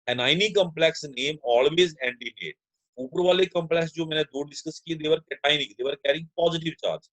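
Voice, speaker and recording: A man's voice: a little high, a bit bright, no echo, poor audio. Male chemistry teacher, explaining step by step. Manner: explains step by step, asks and answers his own questions; addresses students as children. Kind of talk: classroom lecture mixing Hindi and English.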